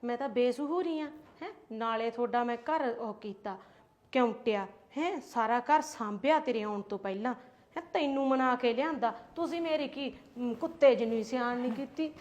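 ਇੱਕ ਔਰਤ ਨਾਰਾਜ਼ ਨਨਾਣ ਦਾ ਕਿਰਦਾਰ ਨਿਭਾ ਰਹੀ ਹੈ, ਪੰਜਾਬੀ ਲਹਿਜੇ ਵਿੱਚ ਤਨਜ਼ ਭਰੇ ਸਵਾਲਾਂ ਨਾਲ।. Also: female voice, very high voice, moderate pace, a bit bright, dull audio. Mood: sulky. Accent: Punjabi. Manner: sarcastic, aggrieved, tag-questions. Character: resentful sister-in-law, grown woman, touchy. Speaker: husband's sister. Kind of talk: homemade family skit.

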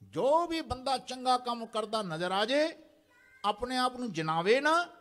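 A man's voice: very high-pitched, big pitch swings, a little slow, fairly bright tone. A man preaching a sermon in a large temple prayer hall, exhorting the congregation and having them repeat lines after him. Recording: long hall reverb.

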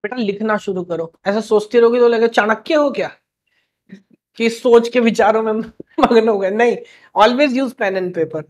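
Here a young male instructor runs a live session, quizzing the class quickly and scolding them teasingly so they stay motivated. He has a high voice.

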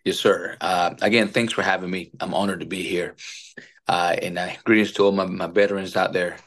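A Venezuelan man in his forties, a retired Marine officer appearing as a guest, speaks on a phone video call in a casual interview. He is polite and earnest, with many fillers, in a deep, fairly bright voice, slightly fast and fairly even in intonation. He is in an indoor room with the phone held at arm's length.

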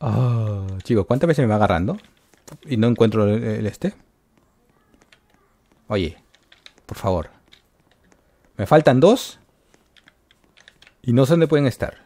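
Animated man yelping through gameplay. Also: mid-range voice, moderate pace, long pauses. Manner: animated, yelps and shrieks when caught, talks to viewers. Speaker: gaming YouTuber. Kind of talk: excited gameplay commentary.

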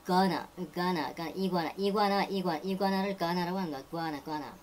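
A woman teaching English vocabulary, briskly repeating each word and reading its dictionary meanings one after another. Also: fairly low pitch, slight background noise. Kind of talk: reading dictionary entries aloud.

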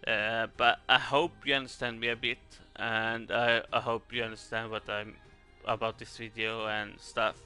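Bright-voiced man with a Swedish accent. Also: fairly low pitch, level tone, normal speed, hardly any pauses, smooth, soft background music. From Sweden. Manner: hesitant, rambling, repeats words. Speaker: gaming video creator. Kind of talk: casual game guide commentary.

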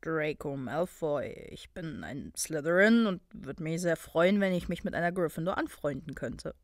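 A woman voicing a brooding young male wizard student, quiet and guilty. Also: animated, normal speed, no room sound, clean studio sound. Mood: subdued. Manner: quiet, subdued, low murmur.

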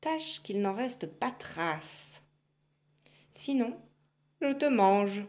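A woman voicing a menacing old witch in a storybook reading, loud and growling. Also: fairly high pitch, big pitch swings, extremely slow, pitched above the performer's own voice, full character voice. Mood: threatening.

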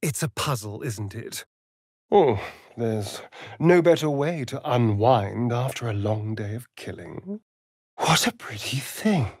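Astarion, a drawling, theatrical vampire rogue. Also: male voice, mid-range voice, no echo, studio quality, exaggerated voice. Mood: hushed. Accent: English. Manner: theatrical, arch, drawling, sardonic. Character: vain, flamboyant, sardonic aristocratic male vampire rogue. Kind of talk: theatrical video game character acting.

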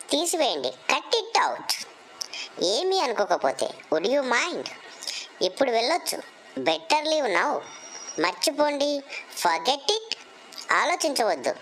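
Slow, lively woman teaching English. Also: fairly high pitch, slight background noise, poor audio. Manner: reads each Telugu phrase then its English version slowly. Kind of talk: slow phrase-by-phrase language lesson.

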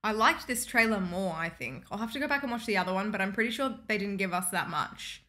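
A woman's voice: mid-range voice, quick pace, bright, forceful tone. A young woman, chatting casually as a co-host. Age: young adult. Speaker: reaction video co-host. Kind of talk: casual chat. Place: small indoor home studio. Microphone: microphone on a desk boom arm.

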